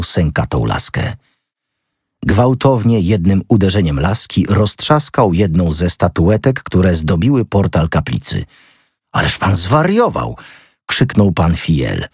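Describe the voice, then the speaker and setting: A man narrates a storybook in a low, husky voice that moves through lively rises and falls. The reading is measured and expressive. The sound is dry and close. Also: dry recording. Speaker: audiobook narrator. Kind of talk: scripted narration.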